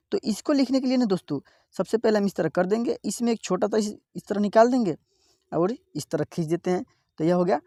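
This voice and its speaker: Woman, online Hindi teacher, middle pitch, patient, question-led drilling, dry close recording. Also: warm tone, dry recording. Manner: repeats "क्या दोस्तों?" often, drawing out the vowels she teaches. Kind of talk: step-by-step alphabet lesson.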